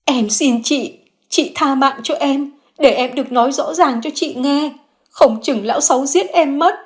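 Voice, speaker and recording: A woman voicing a young mother caught in a lie, crying and begging forgiveness in a high, strained voice. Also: measured pace. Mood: sobbing pleas. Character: young mother caught lying, tearful, groveling.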